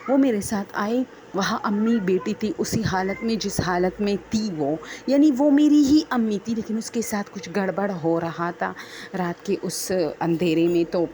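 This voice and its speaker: A woman's voice: mid-range voice, warm tone, a little hiss or hum. A woman telling her own horror story in a rambling, unscripted, conversational way.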